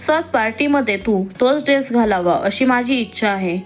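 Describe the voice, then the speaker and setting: A woman's voice: a little high, moderate pace, faint music behind, close to an everyday voice. A woman voicing a cheerful, firm wealthy businessman father in a read-aloud story. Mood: jovial. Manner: jovial, firm. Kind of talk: storybook reading.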